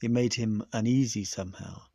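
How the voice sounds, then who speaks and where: A male podcast host reading a science fiction story aloud in a steady, even manner. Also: lowish voice, moderate pace, creaky, no echo.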